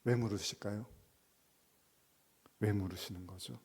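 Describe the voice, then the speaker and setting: A man's voice: on the low side, fairly even intonation, a little slow, a little mellow, husky. A middle-aged man, a pastor, gives a sermon in a conversational style, acting out bits of dialogue and often laughing.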